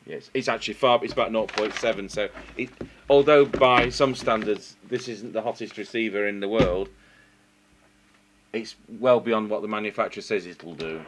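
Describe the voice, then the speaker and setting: At an indoor repair bench, a man from the United Kingdom gives a casual, practical technical demo, thinking aloud as he goes. His voice is on the low side and his pace moderate, heard on a clearly noisy workshop camera recording with constant background noise.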